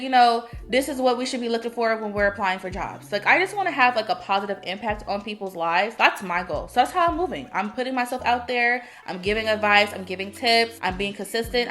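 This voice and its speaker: A woman's voice: a little high, a bit bright. A young woman from California giving chatty self-help advice in a vlog, full of quoted asides. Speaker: vlogger.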